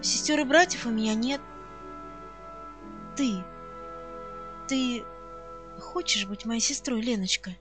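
A woman voicing a gentle, serious girl who speaks earnestly and tenderly in an audiobook reading. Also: extremely high pitch, expressive, unhurried, soft background music. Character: gentle serious rich girl, orphan's friend.

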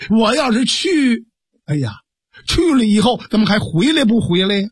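A man's voice: high voice, sing-song, moderate pace, slightly rough, dry recording, full character voice. A man voicing a courteous, loyal imperial guard in traditional storytelling, earnest and pleading. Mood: torn.

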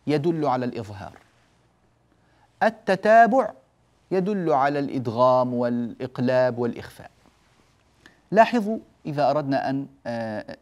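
A man teaching the rules of Quran recitation, explaining step by step, drawing on a board, checking that the class follows, and stretching out example words slowly. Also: a little high, darkish tone. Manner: explains step by step and often asks the class "جيد؟". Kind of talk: classroom lesson on tajweed rules.

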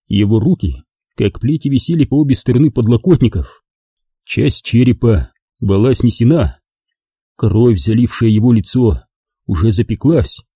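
A man narrating a thriller audiobook with an expressive storytelling delivery. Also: mid-range voice, normal speed, husky, no echo, clean studio sound.

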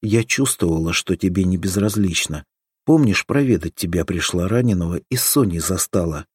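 A man reading the part of an affectionate, teasing young village girl in an audiobook, lifting his voice into a bright pleading lilt. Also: deep voice, animated, normal speed, husky, no room sound, studio quality. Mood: tender.

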